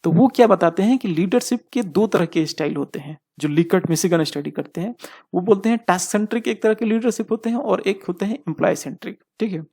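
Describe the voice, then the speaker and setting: A man's voice: high-pitched, fast, creaky, mellow, slightly rough. A man teaching a lecture, posing questions and answering them himself while often checking in with his students. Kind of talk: explanatory lecture.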